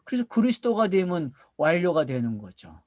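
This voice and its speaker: A man's voice: high voice, big pitch swings, darkish tone, no room sound. Middle-aged korean pastor guy preaching, voice jumps up and down a lot, asks and answers himself, dry close sound. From South Korea. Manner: asks questions and answers them himself, drawn-out emphatic words. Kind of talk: sermon, Bible teaching to a congregation.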